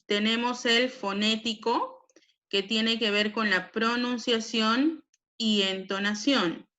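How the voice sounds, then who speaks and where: A woman's voice: on the high side, steady tone, takes it slowly, pushed and bright. A Peruvian woman teaching a language lesson, explaining patiently with frequent tag questions. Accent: Peruvian Spanish. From Peru.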